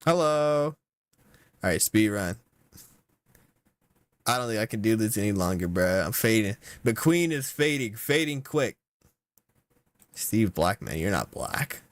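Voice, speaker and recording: A young man giving casual reaction commentary, slangy and exasperated, with sudden loud outbursts. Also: lowish voice, big pitch swings, unhurried, pauses often, dry recording. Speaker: content creator.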